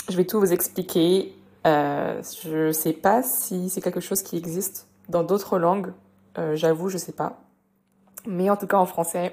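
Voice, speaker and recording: Chatty woman with a mellow, lowish voice. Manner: chatty, many fillers and repetitions, explains slowly. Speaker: French teacher and podcast host. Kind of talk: casual podcast lesson.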